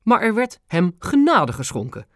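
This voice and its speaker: A stern old queen and grandmother, raised high and speaking in crisp staccato bursts, as a male audiobook reader puts her on. Her voice swings widely, and the recording is dry and close. She sounds regal and a little severe. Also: huge pitch swings, normal speed, a bit bright, dry recording, exaggerated voice. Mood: stately. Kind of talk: audiobook character voice.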